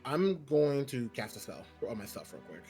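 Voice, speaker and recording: A man with a medium-pitched voice takes part in a tabletop game. He talks casually and thinks aloud as he goes. Light music plays behind him. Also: very animated, moderate pace, darkish tone.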